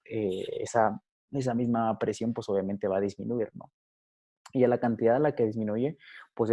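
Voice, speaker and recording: A man talks through a physiology lecture over slides. His voice is mellow and relaxed, at an average pitch. He speaks haltingly, with frequent fillers and tag questions.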